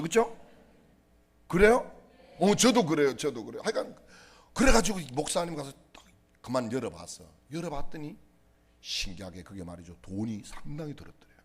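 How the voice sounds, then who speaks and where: Middle-aged male pastor, husky voice, lively playful delivery, joking sermon in a church. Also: on the high side. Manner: playful, teasing, asks the audience questions. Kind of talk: humorous sermon with jokes and questions to the congregation. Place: church sanctuary.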